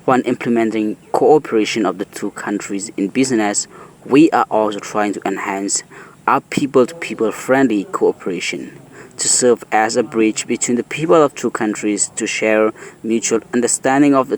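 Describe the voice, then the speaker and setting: A man's voice: fairly low pitch, normal speed. A man giving a formal spoken statement as an interviewee in a news report.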